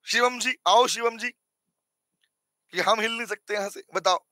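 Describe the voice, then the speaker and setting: A hoarse man teaching a live online accounting class, who quizzes and teases his students in an animated way. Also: high-pitched, measured pace, no echo.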